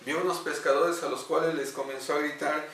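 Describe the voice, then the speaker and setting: A man's voice: fairly high pitch, fairly even intonation, a little fast, fairly bright tone. Earnest man telling a devotional story. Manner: earnest, with hesitant fillers. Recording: echoey room, distant mic.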